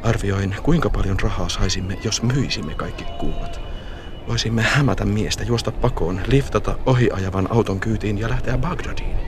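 A man narrating a radio play as a boy remembering his childhood, in a calm, reflective and often hushed manner. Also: fairly low pitch, noisy background, close to an everyday voice.

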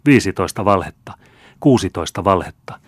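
Man voicing a hot-headed teenage count, impatient, indignant, deep voice, dry audiobook. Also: fairly even intonation, no room sound, lightly acted. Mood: enraged. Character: hot-blooded seventeen-year-old young count. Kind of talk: audiobook character reading.

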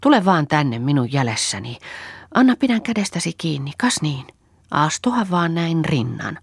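A woman's voice: sits low, very animated, breathy edge, voice pushed up, full character voice. A woman reading an audiobook, voicing a frightened young woman who pleads with her sister in a trembling voice. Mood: pleading.

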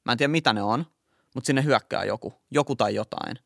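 Recorded cleanly in a studio without echo, a Finnish man co-hosts a casual chat podcast in a creaky, medium-pitched voice that is fairly bright. He reads from an article first, then tells his dreams with animation.

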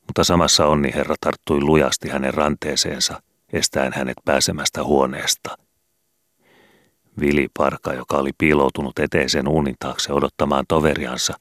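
A man reading a children's book aloud in calm, measured scripted narration. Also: a bass voice, no room sound, studio quality. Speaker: audiobook reader.

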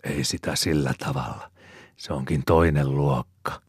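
Guy reading as sly grumbly old boatman, half whispered, super low husky voice. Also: steady tone, no echo, studio quality, heavily acted. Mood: grumbling. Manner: muttering under his breath, half whispered.

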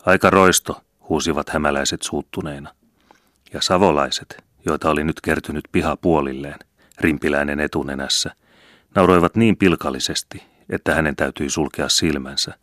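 A man narrates an audiobook in a very deep voice. His measured, even storytelling is recorded close and dry. The sound has no room to it. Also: no room sound. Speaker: audiobook reader.

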